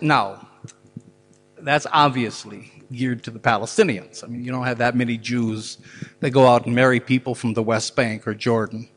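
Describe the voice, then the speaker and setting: A man's voice: medium pitch, a bit bright. A man giving a public talk and answering questions. He argues earnestly and often repeats words as he works out a thought. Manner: earnest, argumentative, repeats words while thinking. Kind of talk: public lecture with Q&A. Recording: long reverb of a large hall.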